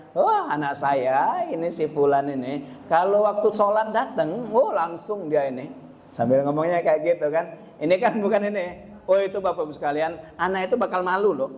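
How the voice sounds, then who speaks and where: Middle-aged man, parenting talk, bit of a high voice, faint room noise behind. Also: a little mellow. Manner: addresses audience often, acts out parent and child quotes. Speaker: religious teacher. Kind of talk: parenting lecture at a study gathering.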